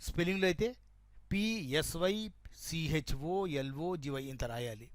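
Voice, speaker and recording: A man's voice: fairly high pitch, lively intonation, a little fast, no echo. A man teaching shorthand, explaining each stroke step by step as he draws and checking that students follow. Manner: explains step by step while drawing, repeating terms and checking with "right?". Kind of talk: classroom lesson, mixing Telugu and English.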